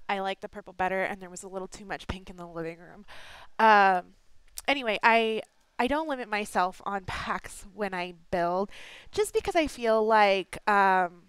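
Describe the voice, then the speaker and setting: A young woman voices a casual, rambling commentary over her game speed build, congested, apologetic, and full of fillers and restarts. Her mid-range voice moves at a normal speed, clear, resonant and a bit bright. The close home-mic recording has no echo but low quality.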